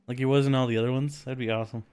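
A man streaming a game live, reacting loudly, swearing often and mocking himself as he plays. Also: medium pitch, very fast, clean tone. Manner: excitable, swears a lot, mocks himself. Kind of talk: live gameplay commentary.

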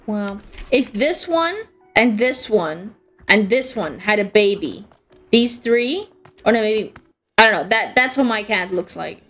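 A woman's voice: mid-range voice, lively intonation, unhurried, fairly bright tone, soft background music. A young woman streaming a game, chatting casually and giggling as she reacts to the match and her chat.

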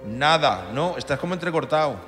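A casual, impatient God heard from far away through a connection that keeps cutting out. The voice is bright and lively, rising and falling a lot as he brushes things off. Faint music plays underneath. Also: on the high side, fairly quick. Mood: offhand. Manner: offhand, impatient, colloquial. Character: God as a casual, offhand voice on a bad line. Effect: distant voice over a patchy, breaking-up connection. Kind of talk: comedy sketch acting.

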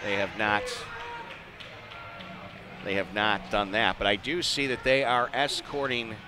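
An American man calls live ice hockey play-by-play conversationally in short, clipped phrases, his voice on the low side, a little slow, and with little pitch movement. The live arena broadcast carries clear background noise and music.

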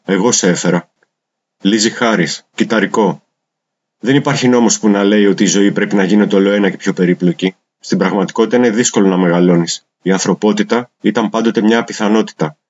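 Low-voiced man reading poetry, lo-fi. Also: darkish tone. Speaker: poetry reader. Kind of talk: reading translated poetry aloud. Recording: dull lo-fi recording.

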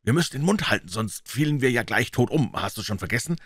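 A man playing a bold, clever boy with a raised, urgent voice that jumps around in pitch. He talks quickly and insistently, as in a storybook reading. The recording is close and dry. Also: expressive, slightly rough, no room sound. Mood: firm.

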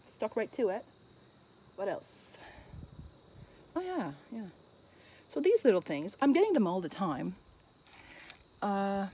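A medium-pitched, slightly mellow female voice belongs to an Acadian Canadian vlogger chatting casually outdoors, thinking aloud and breaking into her own sentences. She stands on a bridge over water, where her phone, set on the bridge, records traffic and insects in noisy surroundings.

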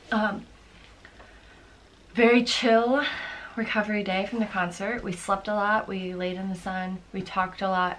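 A young woman chatting casually to the camera in a travel vlog, upbeat and quick to laugh. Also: medium pitch, fairly bright tone, slight background noise, rough recording. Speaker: vlogger.

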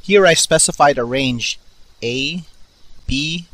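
A man's voice: on the high side, slow pace, a bit bright, no echo. A man narrating a scripted computer tutorial as instructor, dictating typed commands piece by piece and saying letters and symbols one by one.

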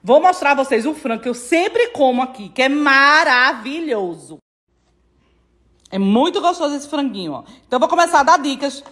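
Chatty woman, high lively voice. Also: normal speed. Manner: chatty, affectionate, repeats phrases, teasing laughter. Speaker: social media influencer. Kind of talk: casual selfie vlog to followers.

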